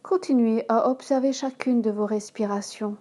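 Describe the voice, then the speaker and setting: A female yoga instructor guides a slow relaxation meditation, calm and measured, giving instructions in short phrases. Her voice is a little high.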